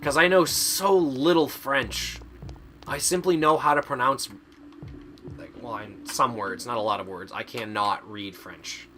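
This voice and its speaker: A man's voice: medium pitch, unhurried, sharp tone, slight background noise. A man from Canada doing live game stream commentary, chatting away and playfully arguing with his chat as he reads it aloud.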